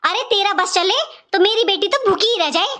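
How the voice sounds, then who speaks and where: A woman voicing a bossy, scolding middle-aged mother-in-law in an animated cartoon, speaking harshly and commandingly. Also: extremely high pitch, a little fast, exaggerated voice.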